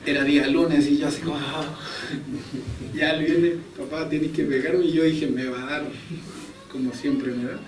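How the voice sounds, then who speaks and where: A man's voice: fairly high pitch, steady tone, moderate pace, a little hiss or hum. A young man, preaching a sermon in a conversational, storytelling way. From Chile. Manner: conversational storytelling, chuckles at himself. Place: church hall. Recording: echoey church room, distant mic.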